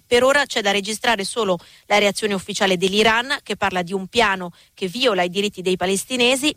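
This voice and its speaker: Female radio correspondent, mid pitch, steady report with hesitant fillers, dry booth. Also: no room sound. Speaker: news correspondent.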